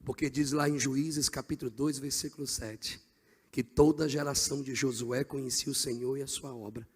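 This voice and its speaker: Husky man preaching in an echoing hall. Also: mid-range voice, fairly even intonation, moderate pace. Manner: impassioned preaching, swings from hushed to shouting. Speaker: pastor. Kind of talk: Pentecostal sermon.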